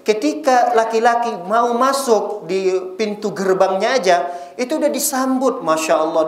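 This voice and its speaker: Man preaching in an echoey room. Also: high-pitched. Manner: conversational, teasing questions to the audience. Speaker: Islamic preacher. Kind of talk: lively sermon to a women's audience.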